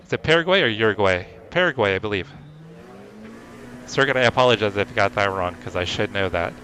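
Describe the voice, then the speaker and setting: A man's voice: on the low side, expressive, fairly quick, sharp tone. Chatty male sim racer over engine noise. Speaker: sim racing livestreamer and driver. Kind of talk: casual livestream chat while racing. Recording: clear car engine noise behind. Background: racing car engine.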